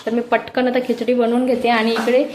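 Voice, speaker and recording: A woman's voice: fairly high pitch, completely flat delivery, a little fast. A young woman and mother chatting casually to viewers as she cooks in her home kitchen. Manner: chatty, talks straight to viewers. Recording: echoey room with faint noise.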